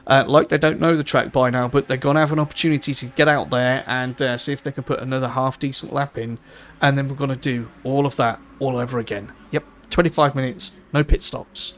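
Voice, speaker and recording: A man's voice: mid-range voice, steady tone, a little fast, a bit bright, slight background noise. A man, commentating a sim racing event live in a chatty, rambling way and laughing easily. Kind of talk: live esports race commentary.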